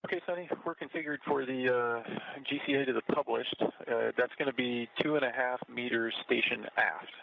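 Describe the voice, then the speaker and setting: A man operating a robotic arm, giving steady procedural callouts with small fillers over a muffled space radio link. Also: medium pitch, normal speed, gravelly, hardly any pauses, slight background noise. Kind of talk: technical radio calls.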